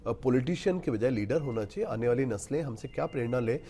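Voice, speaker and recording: A man's voice: mid-range voice, lively intonation, quick pace, mellow. A man speaking as a guest on a televised panel debate, formal and insistent, mixing English phrases into his speech.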